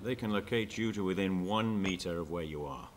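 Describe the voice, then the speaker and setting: A man whose voice has been electronically disguised, sitting very low in pitch. He answers interview questions as an informant in plain, short, matter-of-fact statements. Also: brisk, slight background noise.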